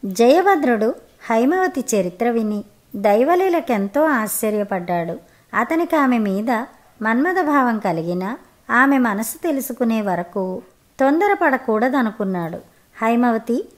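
Woman narrating a folk tale. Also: fairly high pitch. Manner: steady, measured storytelling. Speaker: storyteller.

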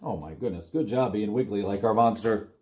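With faint music behind him, a fortyish man with a fairly low voice reads briskly to little kids as a storytime host. In a small, plain room, he goes big and playful, gasping and repeating lines in a sing-song way.

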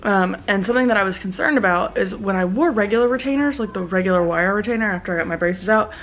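Sitting in her bedroom with the camera set down in front of her, a young woman vlogs casually, chatty and full of ums and likes. New aligners give her a slight lisp. Her voice is mid-range and fast.

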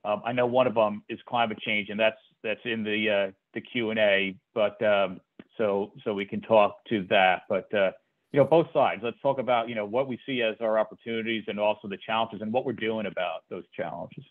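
Male panel moderator, low voice, relaxed and filler-heavy, tinny phone-like call audio. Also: normal speed. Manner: casual, filler-heavy, turns to panelists by name. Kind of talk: panel discussion on a video call.

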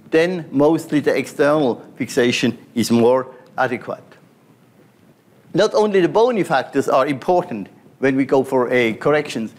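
A middle-aged man lectures fellow surgeons through a slide deck, pausing on each item in turn. His voice sits a bit high for a man. His phrasing is that of a non-native speaker, scattered with fillers and restarts. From Switzerland. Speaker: pediatric orthopaedic surgeon lecturing. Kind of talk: conference lecture over slides.

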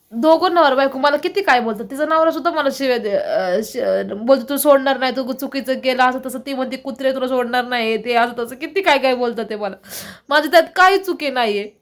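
High-voiced aggrieved woman venting. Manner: aggrieved, full of repeated rhetorical questions. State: distressed. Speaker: vlogger. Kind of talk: emotional personal vlog monologue.

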